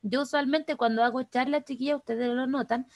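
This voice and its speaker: A woman with a Chilean accent, teaching an online class over a video call, talking quickly and chattily straight to the participants. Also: high voice, steady tone, no room sound, studio quality. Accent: Chilean Spanish. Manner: fast, chatty, addresses participants directly. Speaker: workshop instructor.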